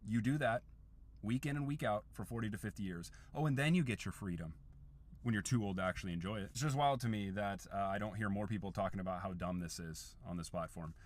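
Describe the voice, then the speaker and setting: A man's voice: on the low side, fast. A man ranting casually in an exasperated way and asking rhetorical questions. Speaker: content creator. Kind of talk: casual rant to camera.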